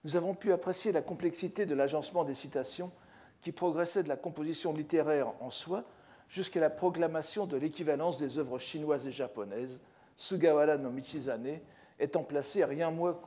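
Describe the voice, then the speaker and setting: An older male professor delivers a lecture in a lecture hall. His voice sits a bit high for a man yet sounds mellow and dark. He speaks in a measured, scholarly way, often restarting phrases mid-thought. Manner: measured, scholarly, with frequent restarts and "n'est-ce pas". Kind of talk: academic lecture.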